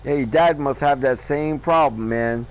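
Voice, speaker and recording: A man's voice: medium pitch, normal speed, highs cut off. A man in his fifties casually chatting with viewers while playing a game, rambling, joking and laughing at himself. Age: 50s. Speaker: gaming streamer.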